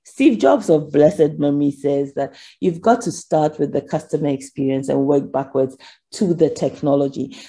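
Gravelly, dark-voiced woman giving a keynote. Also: sits low. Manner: earnest, asks for next slide, frequent ums. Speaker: keynote speaker. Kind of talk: conference keynote talk.

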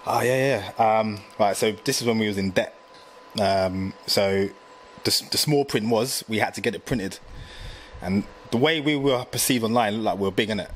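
A man, telling stories in a slangy, animated casual chat full of fillers. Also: on the low side, moderate pace, slight background noise. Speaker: graphic designer guest.

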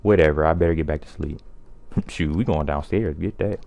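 A man's voice: a bass voice, normal speed, gravelly, darkish tone. A young man giving slangy, joking commentary while playing a horror game and reading its text aloud. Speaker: let's play gamer. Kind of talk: casual gameplay commentary.

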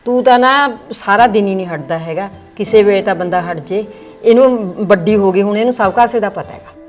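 A woman's voice: mid-range voice, brisk, darkish tone, faint music behind. A woman with a Punjabi accent playing a mother in a village drama, scolding her son. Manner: defensive, scolding.

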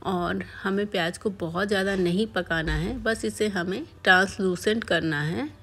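A woman calmly narrating a home cooking tutorial step by step as a voice-over. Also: medium pitch, moderate pace, slightly rough. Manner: calm step-by-step explaining. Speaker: cooking channel host.

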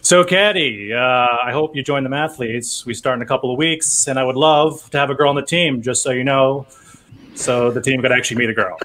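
A man's voice: medium pitch, brisk, fairly bright tone, natural voice. A man playing an awkward, wisecracking female math teacher met outside school, in a comedic script reading. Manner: dry, awkward banter.

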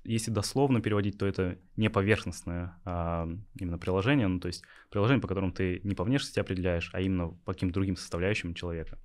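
In a low voice that races ahead with few pauses, a young man from Yakutia, Russia, talks through interview questions about his startup, which he founded. His answers are hesitant and heavy with filler sounds.

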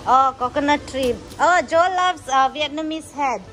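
A woman's voice: high-pitched, normal speed, a bit bright. A woman chatting casually on a travel vlog at an outdoor market, giggling often and slipping between languages. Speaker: vlogger. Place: outdoor market and noodle workshop. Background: background music.

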